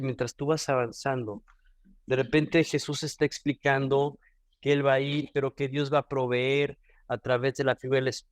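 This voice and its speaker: A devotional speaker with a Mexican Spanish accent gives an earnest teaching, often repeating and restarting phrases. His mid-range voice is recorded dry, with clean studio sound.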